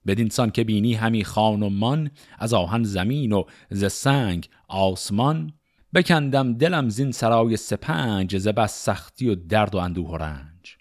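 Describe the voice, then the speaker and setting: A man's voice: lowish voice, lightly acted. A man voicing a bitter young warrior trapped in a pit, in declaimed epic verse. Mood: weary.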